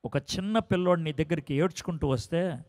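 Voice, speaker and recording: A man preaching a sermon as a dramatic story, swinging from soft, hushed lines to loud climaxes. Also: on the high side, fairly quick. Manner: acts out quoted dialogue in story.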